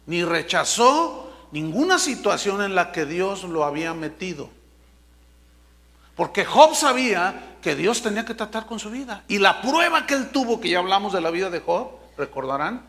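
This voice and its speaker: A man delivers a sermon in a high, ringing voice. He preaches emphatically and draws out the words he wants to stress. His voice carries a long reverb, as if spoken in a big hall. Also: pushed and bright. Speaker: pastor.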